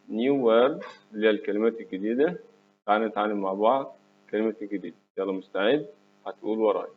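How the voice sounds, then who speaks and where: A man with an Egyptian Arabic accent, teaching English words to children, saying each word for them to repeat and praising them. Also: lowish voice. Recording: tinny phone-like recording with faint hum.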